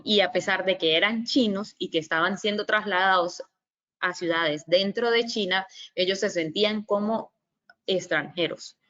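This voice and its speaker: A woman's voice: mid-range voice, moderate pace, bright, forceful tone. A woman giving a virtual lecture on Mandarin basics, explaining patiently with frequent fillers and sounding out example syllables. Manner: models tones by sounding syllables. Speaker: Mandarin language presenter. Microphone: computer microphone on a video call. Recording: slightly dull lo-fi audio.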